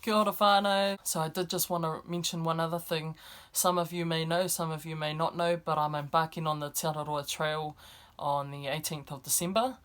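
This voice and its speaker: A woman's voice: deep voice, little pitch movement, brisk, hardly any pauses. Young New woman. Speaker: vlogger. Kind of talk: casual vlog talk to camera. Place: indoors, speaking to camera.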